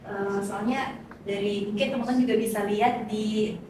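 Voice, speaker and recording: A woman's voice: mid-range voice, steady tone, moderate pace. A young woman co-hosting an interview, chatty and playful as she moves on to the questions. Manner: chatty, playful, self-deprecating. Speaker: co-host. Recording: very echoey room, voice from far off, background noise.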